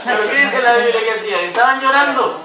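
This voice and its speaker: Talking fast in a very high-pitched voice over a noisy crowd, the pastor jokes and mixes English fillers into his sermon. He is recorded from a distance in a church hall with roomy sound.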